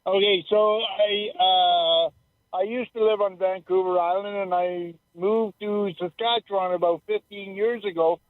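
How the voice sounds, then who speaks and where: Male phone-in caller, high pitch, relaxed and plain-spoken, thin and dry phone sound. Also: measured pace, no room sound. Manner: laid-back, plain-spoken, a little dismissive. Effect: heard over a phone line that cuts out. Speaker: radio call-in caller. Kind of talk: casual call-in chat. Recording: dry, tinny phone line.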